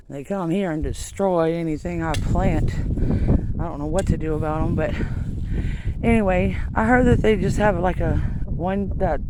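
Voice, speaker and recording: A woman with a drawl rambles through a garden tour, stopping herself mid-thought and wandering between topics. She talks slowly and easily. Clear outdoor noise from the countryside sits behind her phone recording. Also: fairly low pitch. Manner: rambling, chatty, self-interrupting. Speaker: gardening vlogger. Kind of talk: casual garden tour chat. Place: outdoors in a rural yard and garden. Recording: outdoor noise from rural surroundings.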